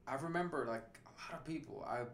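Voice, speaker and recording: A man's voice: a little high, quick pace. A man from Puerto Rico talking casually and reflectively, with many fillers and restarts. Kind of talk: casual conversation. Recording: roomy sound with faint ambient noise.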